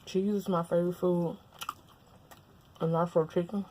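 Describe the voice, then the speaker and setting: A young woman from Louisiana talks casually into a lapel mic at home between bites of food. Her voice is mellow and a little low, and her chat stays loose and easygoing. A faint hum of room noise sits behind her. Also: moderate pace. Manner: relaxed, chatty, talks with mouth full. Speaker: mukbang vlogger. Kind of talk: casual chat while eating. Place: at home, indoors.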